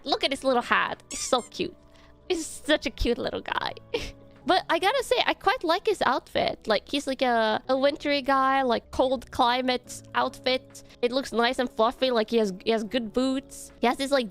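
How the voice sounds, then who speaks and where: A young woman chatting casually as she ranks game outfits, rambling with lots of fillers and little giggles. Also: on the high side. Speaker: content creator. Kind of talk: casual ranking commentary. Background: soft background music.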